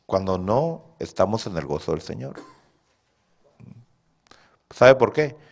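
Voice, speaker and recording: A man preaching with a lively, swinging voice that climbs into sudden shouts and drops low again. He talks directly to his congregation in an animated way and laughs at his own stories. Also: slow pace, vocal fry. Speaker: pastor. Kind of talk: sermon.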